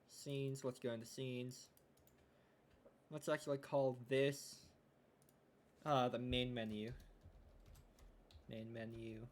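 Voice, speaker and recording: A young man streaming live, chatting casually and thinking aloud as he works on a game, often trailing off into mumbles. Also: fairly high pitch.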